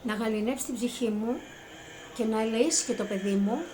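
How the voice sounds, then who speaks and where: A woman earnestly recounting a personal experience to her viewers, growing more excited as she relives it. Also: slight background noise. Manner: earnest, rising to high-pitched excitement when reliving events. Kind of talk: emotional personal testimony.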